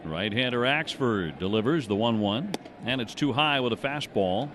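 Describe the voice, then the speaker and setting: A male radio announcer gives live baseball commentary from the ballpark booth at a normal speed in a mid-range voice. He follows the action with clipped, descriptive phrases while constant outdoor stadium noise fills the background.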